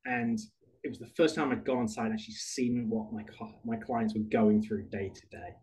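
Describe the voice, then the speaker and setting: A British man, a podcast guest, talking through his career in a relaxed, rambling conversational way. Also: medium pitch, moderate pace, low-quality recording. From United Kingdom. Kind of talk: conversational interview.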